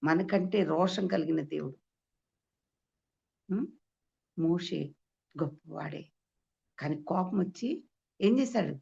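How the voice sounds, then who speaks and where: A woman preaching an Easter sermon to a women's meeting, giving testimony with emphatic rhetorical questions and sudden high exclamations. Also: slow pace, creaky, long pauses, dark tone, slightly rough. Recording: dull lo-fi recording.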